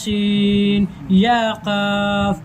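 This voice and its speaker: A man teaching Quran reading, calling out letters slowly one by one and explaining in quick asides. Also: high voice, monotone, over music, rough recording. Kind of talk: step-by-step reading lesson.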